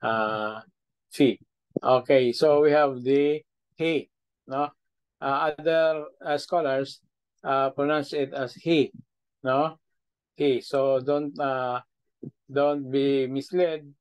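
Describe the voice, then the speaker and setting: A man's voice: mid-range voice, fairly even intonation, extremely slow, pauses often, smooth, rough recording. A middle-aged Filipino man, a pastor, teaching Biblical Greek in an online video-call class with a patient manner, checking in after each point.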